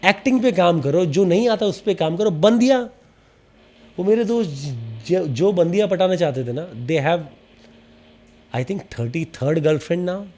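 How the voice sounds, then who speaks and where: A man, an actor, telling lively anecdotes in a casual podcast interview, with a slight stammer and English phrases mixed in. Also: high voice, measured pace.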